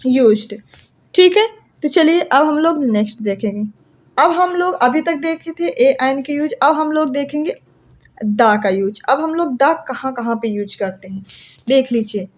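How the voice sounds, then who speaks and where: A young woman with a Hindi accent giving a classroom grammar lecture, repeatedly asking questions and answering them herself. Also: sits high. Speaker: English grammar teacher.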